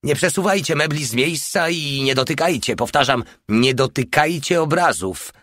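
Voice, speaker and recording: A man's voice: medium pitch, moderate pace, bright, forceful tone, no echo, voice pushed up, close to an everyday voice. A man voicing a scornful wisecracking soldier. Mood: lecturing. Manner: mocking, contemptuous.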